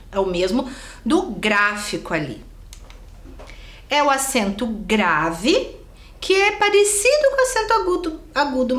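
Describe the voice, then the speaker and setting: A woman's voice: high-pitched, fairly bright tone. Brazilian lady teacher doing a video class, keeps asking the kids if they got it, voice goes all over, echoey room. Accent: Brazilian Portuguese. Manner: talks straight to the pupils and checks in often. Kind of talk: recorded video lesson for children.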